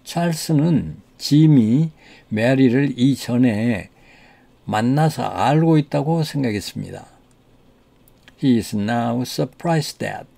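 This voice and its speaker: A man with a Korean accent teaching English, explaining in Korean and reading English sentences slowly with stress. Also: medium pitch, expressive, creaky, mellow. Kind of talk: language lesson explaining English pronunciation.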